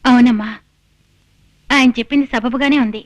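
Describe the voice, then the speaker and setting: An actress playing an earnest young daughter who firmly refuses to marry yet, in film dialogue. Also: female voice, on the high side, fairly even intonation, moderate pace, noisy background, natural voice. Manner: earnest, firm. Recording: film soundtrack with music.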